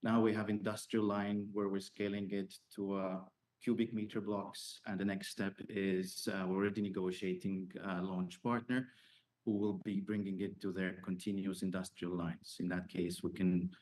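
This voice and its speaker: Low-voiced man fielding investor questions. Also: flat delivery, moderate pace, darkish tone. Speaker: startup founder.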